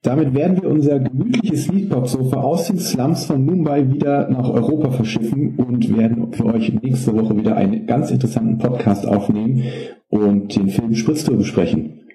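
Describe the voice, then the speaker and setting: Male podcast co-host, very dark voice, blunt dry remarks, echoey room. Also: medium pitch, normal speed, slight background noise. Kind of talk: casual chat. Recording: roomy echo.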